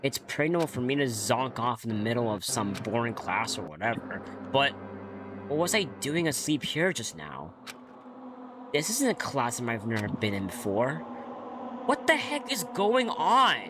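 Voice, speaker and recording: A man voicing a nervous, bewildered new male high-school student, reading the game's first-person narration aloud. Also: big pitch swings, moderate pace, background noise, lightly acted. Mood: confused.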